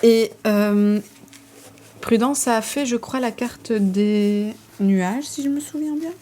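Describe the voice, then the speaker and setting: A woman's voice: a little high, slow pace, warm tone, a little hiss or hum. A woman, casually showing her card collection, chatty and hesitant with fillers and self-corrections. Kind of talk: casual show-and-tell.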